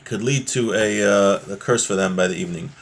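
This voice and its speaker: A man with a fairly low, brisk voice teaches an informal religious lesson. He explains a text conversationally, checking in with rhetorical questions along the way.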